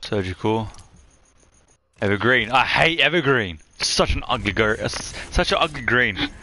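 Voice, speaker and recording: A young man streaming live from his room on a headset mic, chatting excitedly as he opens game loot. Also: medium pitch, moderate pace, a little hiss or hum. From Australia.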